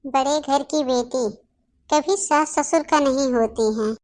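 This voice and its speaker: A mild, soft-spoken older mother-in-law from a cartoon family story, as a woman acts her out. Her voice sits high but quieter and lower than the rest of the household, pleading rather than arguing. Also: unhurried.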